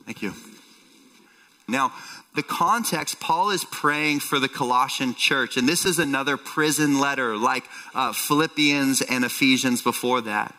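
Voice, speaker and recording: A man's voice: medium pitch, a little slow, sharp tone. A man preaching a sermon as pastor at a pulpit microphone, teaching earnestly and quoting scripture. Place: church sanctuary with long reverb. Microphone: speaking at a pulpit microphone. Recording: long hall reverb, faint music.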